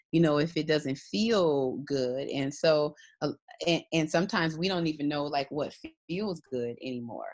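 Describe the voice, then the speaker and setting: A woman in her thirties, talking as an interview guest in a reflective, rambling way with many fillers. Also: low voice. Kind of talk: casual conversation.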